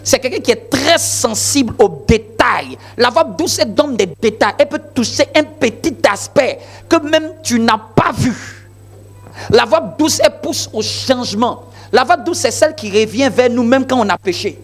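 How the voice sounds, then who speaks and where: A man's voice: very high-pitched, animated, moderate pace, soft background music. A male pastor delivering a sermon in an emphatic, repetitive preaching style full of rhetorical questions.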